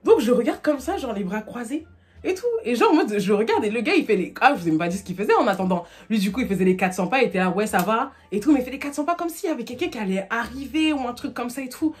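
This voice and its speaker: Fast-talking young woman telling a story. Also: on the high side, expressive, a little mellow. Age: 20s. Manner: chatty, rapid, full of fillers and acted quotes. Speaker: storytime vlogger. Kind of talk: casual storytelling to camera.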